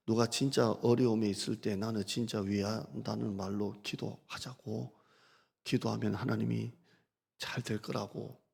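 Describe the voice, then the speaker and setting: Man, pastor, sermon, gravelly, rhetorical questions, slow scripture reading. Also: fairly low pitch. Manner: asks the congregation rhetorical questions; reads scripture slowly and deliberately. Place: church sanctuary. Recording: long reverb of a church hall.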